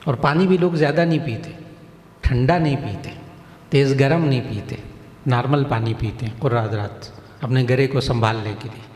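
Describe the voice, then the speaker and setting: A man gives a teaching address in a large mosque hall, his voice sitting at a middle pitch. He spells out each point slowly and repeats key phrases as he demonstrates them. The sound rings with long, roomy reverb from the hall. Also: a little mellow. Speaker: cleric addressing a recitation contest. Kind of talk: explanatory address to an audience.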